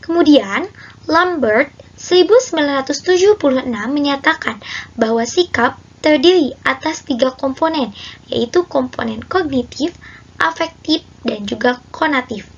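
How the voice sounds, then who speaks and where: A woman's voice: high-pitched, lively intonation, moderate pace, muffled recording. A young woman student presenting and explaining course material to her class, summing points up in her own words.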